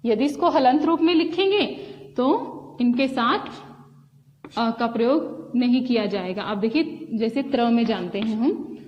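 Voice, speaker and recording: A woman teacher giving a slow classroom lesson, speaking to the children, repeating each point and coaxing them along. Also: on the high side, animated. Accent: Hindi. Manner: slow and repetitive, addressing children. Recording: dull, lo-fi sound with a long hall reverb.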